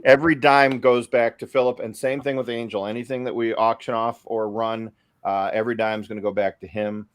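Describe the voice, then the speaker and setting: A man hosting a casual group chat, talking with excited emphasis and repeating phrases. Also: medium pitch, a little fast, smooth. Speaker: show host.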